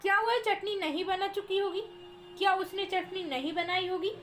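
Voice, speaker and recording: A woman teaching English grammar in Hindi, reading example sentences slowly and carefully and repeating words to drill pronunciation. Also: extremely high pitch, a bit bright, a little hiss or hum. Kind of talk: Hindi-medium grammar lesson.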